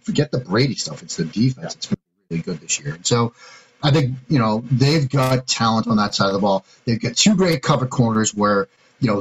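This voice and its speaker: A football analyst co-hosting a sports podcast breaks down defensive schemes step by step, casual yet analytical. His voice is on the low side and slightly rough, and the recording sounds muffled.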